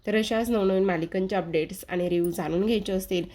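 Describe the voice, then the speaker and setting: A woman's voice: mid-range voice, fast talker, warm tone. A woman narrating a casual recap of a TV serial episode, retelling the scenes in a running present tense and speaking straight to her viewers.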